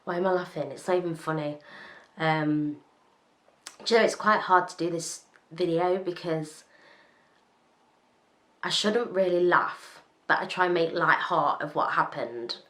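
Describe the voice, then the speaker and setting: A woman's voice: on the low side, unhurried, pauses often, a bit bright. A young woman telling a story in a chatty, rambling vlog, full of "like" and restarts. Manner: rambling, self-interrupting, with frequent "like" and laughter. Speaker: vlogger. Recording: roomy echo.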